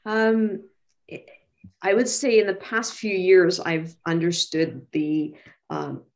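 A middle-aged woman from Toronto, Canada, speaks as a guest in an online panel, sharing personal reflections over a video call from a room at home. Her voice is on the low side and she takes her time, picked up by the video call microphone.

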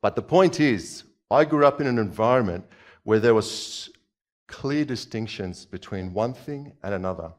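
This sermon comes from a man in his forties originally from Czechoslovakia, speaking conversationally on a church stage through a headset mic. He moves around and questions the audience. His fairly low voice is animated and his speed normal.

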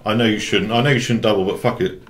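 Excitable man streaming a game. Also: fairly low pitch, fast, a little hiss or hum. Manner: excitable, swearing, talking to the chat. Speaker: gambling streamer. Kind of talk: live-stream commentary.

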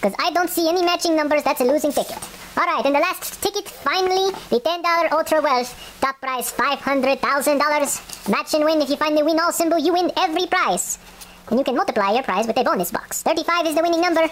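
Female host, high voice, put-on Russian accent, casual play-by-play, light scratching noise in a home recording. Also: fast talker, a bit bright. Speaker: host of scratch ticket videos. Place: indoors at a wooden table. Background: scratching of lottery tickets.

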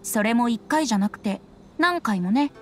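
A woman performs a young male bard for a Japanese anime game, making him carefree and playful through teasing, breezy theatrics. Her voice sits on the high side and stays animated, moving at a moderate pace close to how she normally talks, while music plays in the background.

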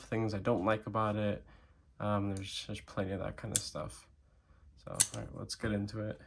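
Relaxed, chatty male vlogger with a deep, fry-heavy voice, thinking aloud as he unboxes. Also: a little hiss or hum. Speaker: knife and gear reviewer. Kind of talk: casual unboxing vlog.

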